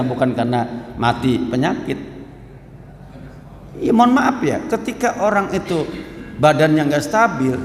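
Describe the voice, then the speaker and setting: A man giving a hadith study sermon in a mosque. He talks in a joking, conversational way and reads Arabic lines before explaining them. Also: fairly high pitch. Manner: jokey, conversational, quotes Arabic then explains. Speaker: preacher. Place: mosque hall. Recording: echoey hall with faint ambience.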